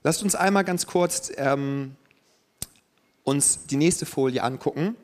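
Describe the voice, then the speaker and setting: A young man preaching a sermon to a congregation in a relaxed way, with joking asides. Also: on the high side, slow pace.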